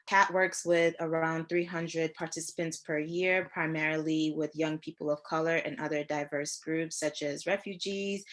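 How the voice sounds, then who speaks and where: Low-voiced woman narrating a program overview. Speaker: presenter. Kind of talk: scripted narration.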